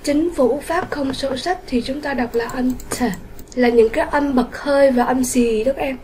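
A woman's voice: high voice, moderate pace, darkish tone, slight background noise, rough recording. A woman teaching an online English lesson to children, patiently explaining step by step. Her native language is Vietnamese.

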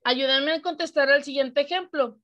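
A woman's voice: high-pitched, moderate pace, highs cut off. A woman teacher with a Mexican accent giving an online class over a video call, explaining patiently and often asking her students questions.

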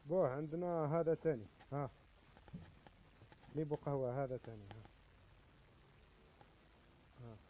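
A man's voice: mid-range voice, a little slow, long pauses, mellow, muffled recording, a little hiss or hum. A man with an Algerian Arabic accent showing off coffee sets and cups in his shop, repeating each item and its price in a casual, chatty way. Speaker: shop seller. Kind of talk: casual product showcase.

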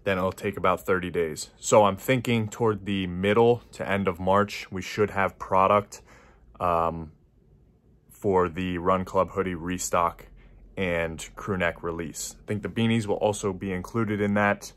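Holding his phone at arm's length in an empty warehouse and office, a twenty-something small business owner narrates a casual vlog, thinking aloud through fillers and restarts. His voice sits low, steady and a little slow, with a fairly bright tone.

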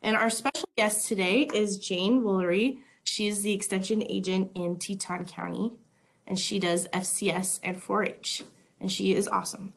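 A woman's voice: mid-range voice, fairly even intonation, normal speed, vocal fry. Upbeat woman co-hosting a webinar. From Montana. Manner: upbeat, friendly announcements with filler ums. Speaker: extension agent and webinar co-host. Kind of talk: webinar presenting.

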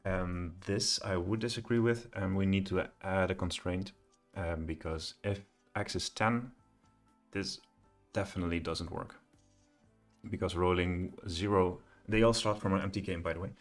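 A middle-aged man with a deep, low voice talks through a live coding session from his home office. He thinks aloud, pausing often with ums and uhs. Faint music and keyboard clatter sit behind him. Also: steady tone. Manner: thinking aloud, hesitant with many fillers. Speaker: programming tutor.

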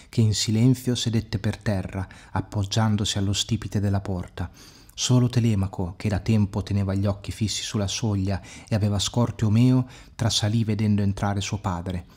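A man reading an audiobook aloud in a calm, measured storytelling manner. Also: lowish voice, slightly rough. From Italy. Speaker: audiobook reader. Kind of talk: scripted narration.

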